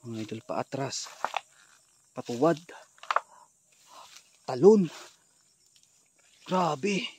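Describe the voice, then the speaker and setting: A man hosting a ghost-hunting vlog, talking straight to his viewers and swinging from hushed, nervous asides to loud, alarmed shouting. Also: medium pitch, very animated, very slow, long pauses, background noise. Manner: talks straight to viewers as "idol". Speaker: ghost hunter vlogger.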